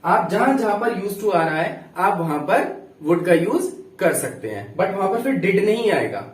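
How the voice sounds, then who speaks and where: Lively-pitched man teaching grammar, echoey room. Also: far from the mic. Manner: explains slowly, dictating example sentences word by word. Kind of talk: classroom-style grammar lesson.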